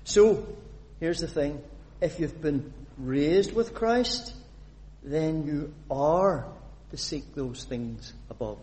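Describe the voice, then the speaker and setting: Preaching slowly in a fairly high voice, this Northern Irish man animatedly reads from scripture and asks his congregation questions. His sermon echoes with the long reverb of a church hall.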